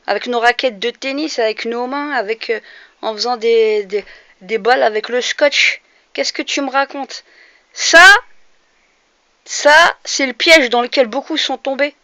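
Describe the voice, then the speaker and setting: Her voice is a little high and sharp in tone, and the recording is dry, slightly dull and lo-fi. She's a vlogger from France in her forties, delivering an earnest opinion monologue to camera that grows heated and emphatic, full of hesitations.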